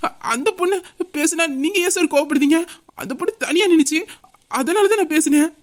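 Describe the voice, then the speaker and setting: A woman voicing a leering young man who harasses a woman, with sly muttered asides and fawning flattery, in an amateur audio drama. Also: mid-range voice, fairly quick, natural voice. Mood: defensive.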